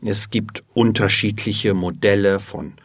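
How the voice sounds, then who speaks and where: Male teacher voice: unhurried, explanatory narration, close and dry mic. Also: fairly low pitch, fairly even intonation, dry recording. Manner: measured, clear and explanatory, spells out words letter by letter. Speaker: language teacher.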